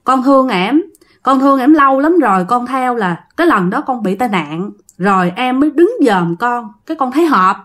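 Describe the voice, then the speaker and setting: A woman's voice: on the high side, lively intonation, normal speed, a bit bright. Woman doing a stubborn lovesick young ghost man, Southern Vietnamese accent, pleading, insistent.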